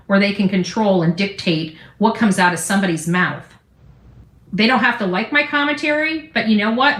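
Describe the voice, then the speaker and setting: A woman with a medium-pitched, fairly bright voice hosts a YouTube true-crime commentary, giving informal, opinionated takes. She's blunt, defiant and combative, using salty slang, and the recording sounds echoey and roomy.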